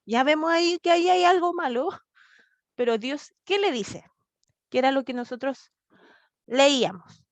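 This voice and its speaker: A young woman with a Chilean accent leads a youth Bible lesson over a video call. Her voice sits high, and the sound is dry and close. She talks in a lively, chatty way, laughs often and acts out little exchanges as she teaches. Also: dry recording. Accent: Chilean Spanish.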